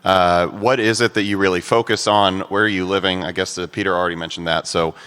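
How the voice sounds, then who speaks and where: A man's voice: low-pitched, steady tone, fairly quick, fairly bright tone, smooth. A man moderating a conference panel, hesitant with many filler sounds, in a conference hall. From United States.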